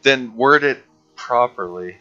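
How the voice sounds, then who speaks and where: A man's voice: mid-range voice, slow, pushed and bright. A man running a tabletop game as game master, teasing his players, laughing often and insisting they word their questions exactly. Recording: dull lo-fi stream audio with faint music.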